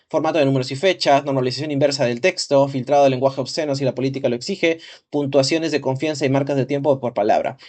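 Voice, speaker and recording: Male instructor, slightly high pitch, reads slide text and adds casual asides. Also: darkish tone. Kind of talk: reading and explaining lesson slides.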